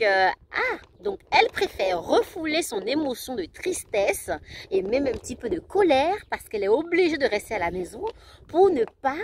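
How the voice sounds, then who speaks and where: A woman's voice: sits high, a little hiss or hum. A woman in her thirties, a parenting coach, talking casually and animatedly to the camera. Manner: animated, acts out her children's voices.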